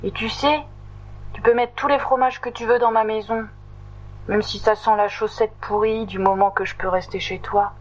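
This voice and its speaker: Tiny prim female creature, high squeaky voice, quick to protest; storybook; woman reader plays her. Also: fairly even intonation, natural voice, rough recording. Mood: pleading. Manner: high, indignant, drawn-out exclamations. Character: tiny fussy female creature, easily indignant.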